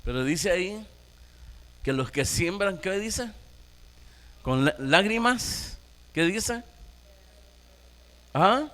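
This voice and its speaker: A Nicaraguan pastor preaching a sermon, emphatic, firing rhetorical questions at the congregation. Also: male voice, high-pitched, expressive, takes it slowly, pauses often, fairly bright tone, big-room sound.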